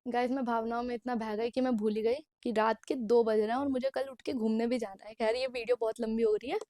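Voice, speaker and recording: A woman's voice: fairly high pitch, steady tone, fast, dark tone, no echo. A woman in her twenties telling a personal story in a casual vlog, chatty and mixing English phrases into her Hindi. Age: 20s. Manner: chatty, mixes English phrases into Hindi and keeps saying "bhai". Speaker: vlogger. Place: indoor room at night.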